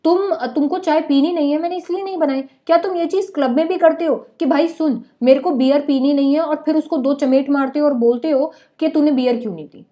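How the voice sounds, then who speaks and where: A woman's voice: high-pitched, brisk, few pauses, warm tone, pitched above the performer's own voice, lightly acted. A woman voicing a blunt, scornful middle-aged mother who scolds her family sarcastically.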